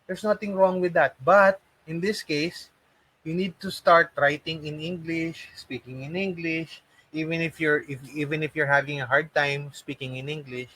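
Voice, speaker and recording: The recording is rough as a man with a slightly high, bright, forceful voice and fairly even intonation teaches a live online lesson at normal speed. A Filipino-accented trainer from the Philippines, he teaches English and call center skills. He repeats his points and uses rhetorical questions to encourage learners.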